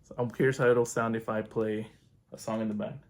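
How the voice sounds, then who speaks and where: A man giving a relaxed, chatty product review at home, walking through features. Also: on the low side, fairly quick. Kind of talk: casual unboxing review.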